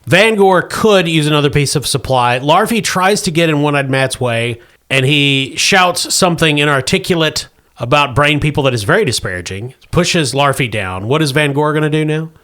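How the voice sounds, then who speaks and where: A man narrating as game master of a tabletop game, brisk and playful, chuckling through his rulings. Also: fairly high pitch, lively intonation, a bit bright.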